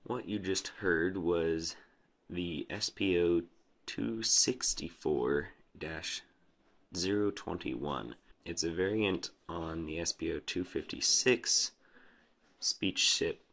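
Low, creaky male hobbyist presenter. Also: slow, a bit bright. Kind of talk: casual explanatory electronics demo.

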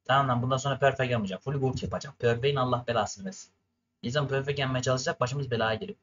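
A man's voice: medium pitch, steady tone, quick pace, a bit bright, highs cut off, a little hiss or hum. A young man from Turkey commentating his racing game for viewers, ranting and cursing at it in frustration. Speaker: gaming streamer. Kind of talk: gameplay commentary.

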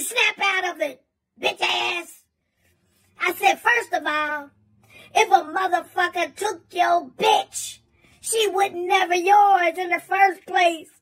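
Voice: extremely high pitch, bright, forceful tone, recorded from a distance, exaggerated voice. A performer voicing a profane male monkey who preaches blunt advice in a comic rant. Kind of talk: comedic monologue.

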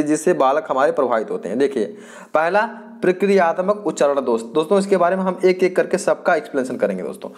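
A male teacher giving an exam-prep lecture. He repeats his points, asks the class questions and answers them himself, and often hesitates and restarts. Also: a little high.

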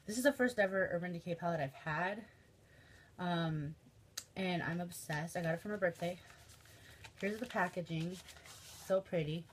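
A woman's voice: fairly low pitch, normal speed, pauses often, a little hiss or hum. A young woman with a Midwestern American accent and a stuffy, sniffly nose, chatting casually through a makeup tutorial with lots of ums and likes. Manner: chatty, filler-heavy, says um and like often. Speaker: beauty vlogger.

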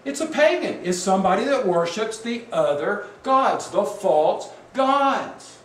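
A man's voice: high-pitched, very animated, measured pace, fairly bright tone. A man preaching a sermon, emphatic and asking his congregation questions. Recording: echoey room, mic at a distance, faint background noise.

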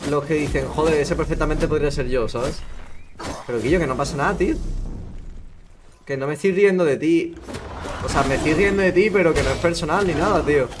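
A young man with a Spain Spanish accent doing casual gameplay commentary on a live stream, swearing a lot and teasing other players. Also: a little high. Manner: swears often, teases other players, laughs at their mistakes. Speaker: gaming streamer. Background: background game music.

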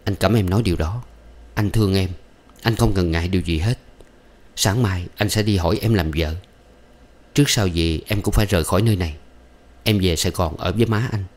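A man voicing a gentle, earnest young soldier. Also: sits low, brisk, pauses often.

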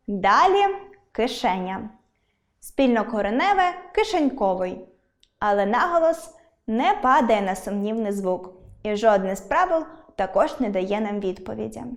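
A young woman teaches an online school lesson in a slightly high voice. She explains each rule clearly and patiently, working step by step through examples.

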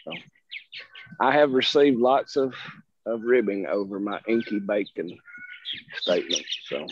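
Middle-aged southern guy drawling away on a video call, low-ish voice, kinda muffled audio. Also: measured pace, a little hiss or hum. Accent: Southern American. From American South. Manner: folksy, self-deprecating, drawling. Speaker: guest presenter on a video call. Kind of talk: casual chat.

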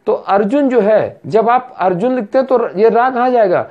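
A woman's voice: fairly high pitch, expressive, normal speed, muffled recording. A woman teaching a spelling lesson, patiently repeating words and checking that her students follow.

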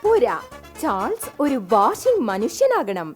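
A woman's voice: high voice, huge pitch swings, slow, over music, full character voice. A woman with a Malayali accent playing a bossy wife in a stage comedy skit, announcing in a showy, salesy manner as if in an advert.

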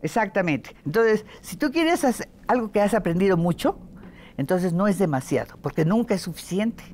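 An older woman with a Mexican Spanish accent, a veteran voice actress chatting in an interview, telling lively stories and mimicking voices. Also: medium pitch, normal speed, a little hiss or hum. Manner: lively storytelling with playful voice imitations. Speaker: voice actress and dubbing director. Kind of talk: casual interview chat.

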